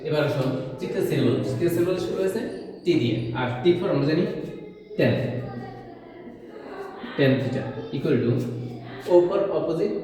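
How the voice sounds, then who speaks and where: A man's voice: on the high side, expressive, fairly quick, very echoey, in a large hall, recorded from a distance, a crowd in the background, poor audio. A man teaching a math lesson, explaining step by step and mixing in English terms. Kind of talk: classroom math lecture.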